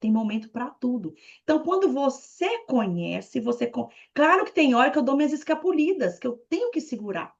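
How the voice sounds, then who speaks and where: A woman's voice: sits high, sing-song, fairly quick, vocal fry, hardly any pauses, muffled recording. A Brazilian woman giving a chatty, playful talk on a video call, speaking straight to her listeners. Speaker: guest speaker on leadership.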